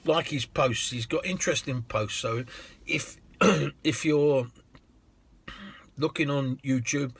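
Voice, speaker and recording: Husky cabbie telling yarns. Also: male voice, medium pitch, slow pace, long pauses. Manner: chatty, laughs often, many ums. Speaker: London cab driver. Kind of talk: anecdotal storytelling.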